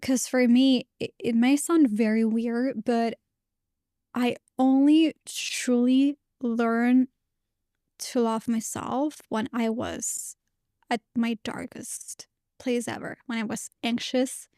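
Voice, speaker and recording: A woman's voice: fairly high pitch, steady tone, slow, mellow, dry recording, studio quality. A woman hosting a podcast, talking candidly and reflectively about her own experience, with frequent restarts. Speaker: podcast host. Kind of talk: casual conversation.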